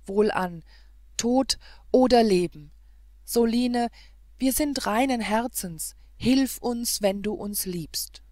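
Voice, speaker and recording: A woman reads a brave, devoted young hero from a fairy-tale audiobook. He speaks with fervent urgency. The delivery is slow and measured, and the sound is dry and close. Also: fairly low pitch, lively intonation, dry recording. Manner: fervent, urging.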